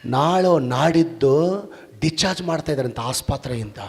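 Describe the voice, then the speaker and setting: A male pastor preaching a sermon, fervent and shouting, with repeated exclamations. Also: a little high, normal speed, vocal fry. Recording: long reverb in a hall.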